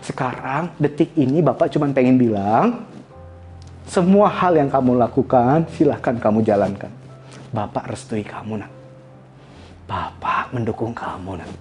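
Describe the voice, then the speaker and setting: A man voicing his aging father, who is gruff but tender and speaks softly and slowly while forgiving his son. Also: medium pitch, faint music behind, close to an everyday voice.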